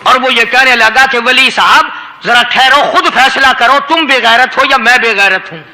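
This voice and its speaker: In a low-quality recording, a very high-pitched man with a Pakistani Urdu accent delivers an Islamic sermon built around a story. His impassioned delivery keeps climbing until it reaches loud, emotional peaks.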